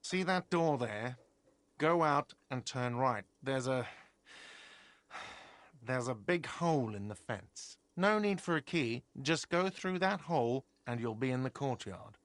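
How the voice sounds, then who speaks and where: A man's voice: medium pitch, expressive, measured pace, a bit bright, dry recording. An actor playing a petty male building manager in a game, grumbling and sarcastic. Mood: helpful, grudging.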